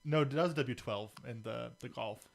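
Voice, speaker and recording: A man's voice: mid-range voice, moderate pace, creaky, no room sound. A man chatting casually as a live stream co-host, slangy and sweary. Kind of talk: casual chat and banter.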